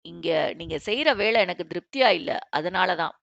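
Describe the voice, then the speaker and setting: A woman's voice: lively intonation, moderate pace, vocal fry, fairly bright tone, dry recording. A woman doing a mocking, sarcastic young male boss. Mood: curt, mocking. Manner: mocking, drawling, lower voice. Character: sarcastic, stubborn young man, office boss. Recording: dull, dry, lo-fi sound.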